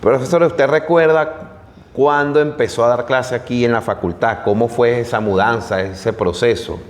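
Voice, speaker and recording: A man with a Venezuelan accent interviewing a professor, asking halting questions full of restarts. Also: mid-range voice. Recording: reverberant room, faint noise.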